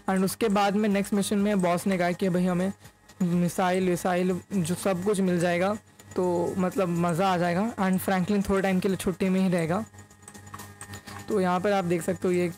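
Close to the microphone in front of his face, a young gaming YouTuber mixes Hindi and English in casual commentary as he plays. He is a young adult, and his voice is high and a little mellow.

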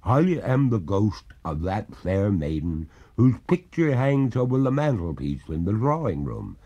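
A man voicing a haughty female water ghost, two hundred years dead, speaking in a slow, gurgling, reproachful way. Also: lowish voice, very animated, dark tone, slightly rough, highs cut off, heavily acted. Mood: mournful. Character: haughty drowned maiden ghost, two centuries old.

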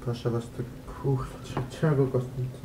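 A man's voice: medium pitch, steady tone, normal speed, noisy background. A man playing a horror game and commenting casually, jumpy and profane, who talks to the objects he finds. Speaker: gamer. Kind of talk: casual let's play commentary.

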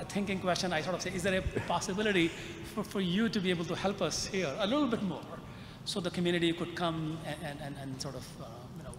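A man in the audience asks a long, rambling question at a conference, halting and repeating words often. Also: sits high. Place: large conference auditorium. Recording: echoey hall with audible noise.

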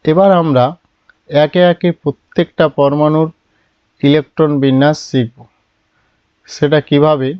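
A man teaching a lesson at a patient, step-by-step pace, posing questions and then dropping his voice to give the answers. His voice is fairly high and smooth. The sound is dry and a little muffled. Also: steady tone, measured pace, long pauses, dry recording. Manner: asks questions and answers them himself, drops his voice on answers. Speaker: chemistry teacher. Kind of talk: classroom lesson.

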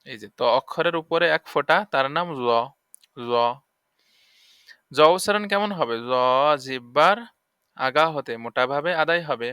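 A man teaching Arabic letters for Quran reading in a recorded lesson, drilling syllables slowly and repeatedly. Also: a little high, pushed and bright, clear, resonant tone, no echo, studio quality. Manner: slow, repetitive drilling of syllables.

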